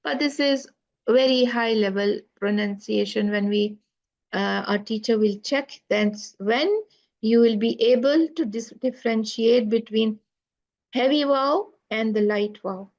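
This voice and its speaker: A woman teaching Quran pronunciation, speaking slowly and repeating sounds to demonstrate them. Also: on the high side, a little mellow. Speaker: tajweed teacher. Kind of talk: online lesson. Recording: dull lo-fi recording.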